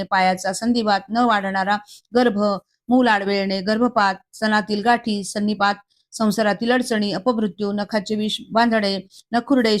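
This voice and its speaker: Woman, devotional text reader, middle-pitched voice, steady list-like reading, small slips and restarts. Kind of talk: reading a Marathi scripture commentary aloud.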